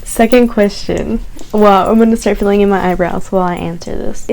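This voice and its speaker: A young adult woman vlogging, telling stories in a candid, animated, casual way, swearing and saying "like" often. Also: mid-range voice, fairly quick, creaky, music in the background. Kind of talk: casual chatty storytelling.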